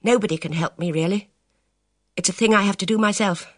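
Woman reader as a guarded young woman, raised pitch, clipped and level, dry close sound. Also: fairly quick, dry recording, close to an everyday voice. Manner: clipped and composed, a bit grim. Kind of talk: audiobook character reading.

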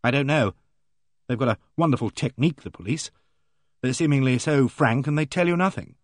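A man voicing a reserved, worried country doctor who talks in a dry, low-key way. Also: a little fast, no echo, natural voice. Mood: guarded.

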